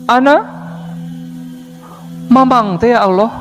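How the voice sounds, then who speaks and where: A man's voice: very high-pitched, slow pace, pitched above the performer's own voice. A male preacher voicing a boastful, proud male devil, smug and mock-comic. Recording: music playing underneath.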